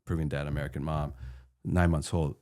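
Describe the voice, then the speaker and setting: This podcast co-host, a middle-aged man from Peru, talks earnestly in discussion and poses probing questions, frequently repeating a word at the start. He has a rumbling low, mellow voice, keeping a level tone and a brisk pace.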